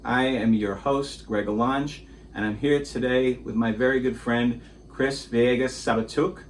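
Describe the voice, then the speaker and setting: A man hosting an interview podcast, asking friendly, halting questions. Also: medium pitch, steady tone, recorded from a distance, a little hiss or hum. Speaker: podcast host.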